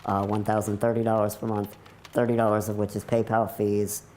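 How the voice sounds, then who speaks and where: A man's voice: lowish voice, level tone, a little fast, a little mellow, slight background noise. A nineteen-year-old man with an American accent, talking candidly and matter-of-factly in a casual documentary interview style. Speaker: computer programmer telling their own story.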